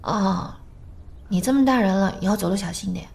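A woman's voice: medium pitch, fairly quick, vocal fry, darkish tone, natural voice. A woman playing a dry, teasing young woman. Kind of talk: TV drama acting. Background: music.

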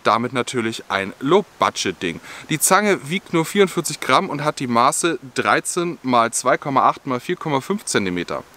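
Out in a forest, a young adult man with a mid-range, slightly bright voice presents products for his outdoor gear channel. He is friendly and explanatory, and his product details come across as scripted.

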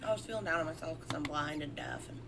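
A hoarse woman guest on a home podcast, joking bluntly and chewing candy as she talks. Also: deep voice, quick pace, noisy background. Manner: joking, blunt, chews gummies while talking. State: hoarse, lost voice. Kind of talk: casual chat. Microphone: shared desk mic at home.

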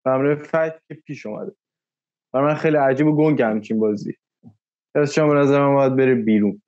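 A man playing an online party game, making his case deliberately and posing questions. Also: medium pitch, a little mellow, highs cut off. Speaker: game player.

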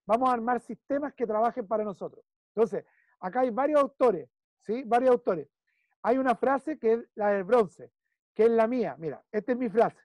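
A man's voice: extremely high pitch, lively intonation, moderate pace, darkish tone, no echo. A man with a Chilean accent coaching a client one-on-one, emphatic and repeating key phrases while he checks in. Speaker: business consultant.

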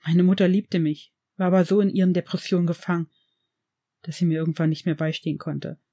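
Woman reading a guilt-ridden male potions master, pleading, mellow voice, audiobook. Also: fairly low pitch, steady tone, fairly quick, natural voice. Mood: anguished. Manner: pleading, raised in anguish. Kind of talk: audiobook reading of fan fiction.

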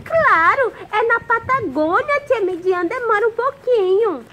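Uma mulher dando voz a um bonequinho menino alegre, que fala de um jeito brincalhão e infantil. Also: female voice, very high-pitched, animated, unhurried, a bit bright, voice pushed up, exaggerated voice. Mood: eager. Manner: eager, playful, childlike. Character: cheerful little boy puppet who plays guitar. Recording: noisy background.

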